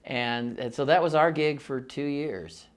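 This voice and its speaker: A man in his sixties spins loose, rambling stories in a casual interview, with a voice of ordinary pitch. He grew up between the US and Mexico, laughs easily and often circles back to restart his sentences. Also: a little slow, slight background noise. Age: 60s. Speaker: musician interviewee. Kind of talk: casual oral-history storytelling.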